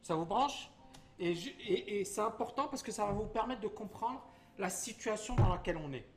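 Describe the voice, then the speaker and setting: A man's voice: high voice, lively intonation, moderate pace, music in the background. A man hosting a live teaching stream, quizzing his viewers and explaining things in plain terms. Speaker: investment educator, host.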